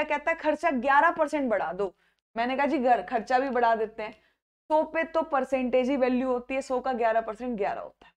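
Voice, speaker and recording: High-voiced lively woman teaching math. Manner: lively, coaxing students by name, repeats and checks understanding. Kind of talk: live online math class.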